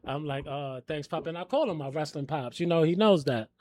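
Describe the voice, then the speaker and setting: A man's voice: fairly high pitch, fairly quick, a little mellow. A man who runs a wrestling promotion, talking enthusiastically and loosely as a guest in an interview. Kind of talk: casual interview. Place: collectibles shop, indoors.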